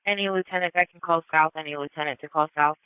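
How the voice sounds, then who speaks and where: A man's voice: on the high side, steady tone, quick pace, smooth, no room sound. Man dispatching over police radio. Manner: clipped, formal radio codes. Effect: police radio transmission. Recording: tinny, narrow radio band.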